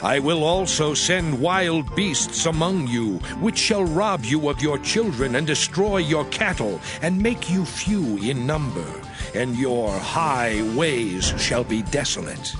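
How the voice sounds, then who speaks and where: A stern God of the Old Testament, speaks over prominent music. The voice sits a little high and delivers scripture as solemn, measured declamation, a lawgiver pronouncing judgment in an audio drama. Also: male voice, expressive. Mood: stern, wrathful.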